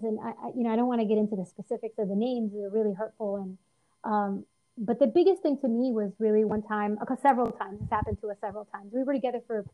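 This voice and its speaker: Female interview guest, earnest, animated storyteller, restarts often; slightly dull lo-fi recording. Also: a little high. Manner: earnest, lively, frequent restarts and fillers. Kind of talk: personal storytelling in conversation.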